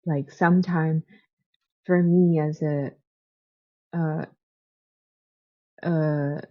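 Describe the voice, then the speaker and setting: This low-pitched female speaker talks very slowly with fairly even intonation, and the recording sounds muffled. She is not a native English speaker, and her unscripted, book-vlogger-style chat is full of hesitations as she hunts for the right words.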